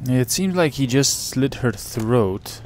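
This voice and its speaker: A man's voice: medium pitch, lively intonation, slow, a little mellow. A man playing a video game and commenting casually, with muttered asides and fillers. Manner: muttering asides with fillers, sometimes reading dialogue along. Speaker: let's play gamer. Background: game music.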